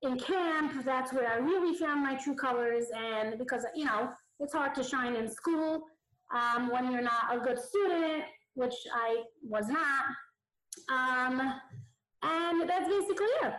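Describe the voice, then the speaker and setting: A fairly high-voiced woman comedian talks loosely as a podcast guest, leaning on "like" and "you know what I'm saying." Her side of the call sounds muffled and warbly, as though she were underwater. The garbled remote audio also rings with a roomy echo. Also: unhurried, a bit bright. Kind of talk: casual interview chat.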